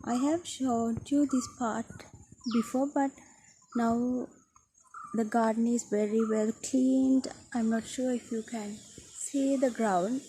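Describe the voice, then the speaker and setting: Female vlogger, higher voice, slow and halting, casual outdoor delivery, wind on the phone mic with birdsong. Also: steady tone, mellow, rough recording. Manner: unhurried, halting delivery in short phrases. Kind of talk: outdoor nature vlog narration, casual. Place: outdoors in a garden on a windy day. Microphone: handheld phone. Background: wind and chirping birds.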